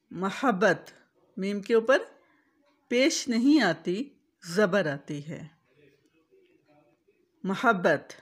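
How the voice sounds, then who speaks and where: A woman teaching correct pronunciation, spelling out vowel marks letter by letter and repeating each word. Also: fairly high pitch. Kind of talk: slow, deliberate instructional explanation.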